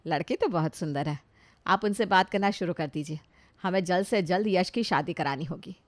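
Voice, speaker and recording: A woman's voice: on the low side, normal speed, dry recording, close to an everyday voice. Brief: woman voicing a sensible sister-in-law, earnest, dry studio. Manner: earnest, persuasive. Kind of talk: storybook voice acting.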